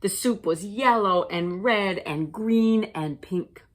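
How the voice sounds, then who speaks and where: A woman teacher with a medium-pitched voice reads a children's storybook aloud, phrasing it deliberately and expressively for young listeners.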